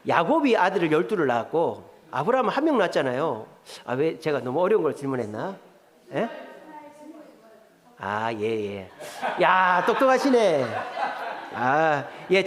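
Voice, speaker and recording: A middle-aged pastor from South Korea's Gyeongsang region, with a voice that sits high, delivers a sermon in his local accent. He keeps things chatty, putting questions to his congregation and cracking jokes. The recording, made in a church sanctuary, carries a long hall reverb.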